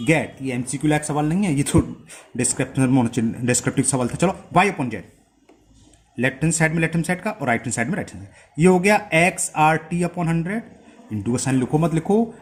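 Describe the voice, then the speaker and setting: A man teaching a maths lesson step by step, often pausing to check that students follow. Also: on the high side, a little hiss or hum. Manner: explains step by step, checks understanding with rhetorical questions.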